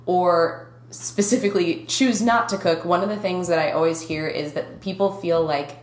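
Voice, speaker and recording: A woman's voice: fairly low pitch, normal speed, roomy sound. Chatty Minnesotan woman podcast host. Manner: chatty, laughs often. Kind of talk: casual podcast chat.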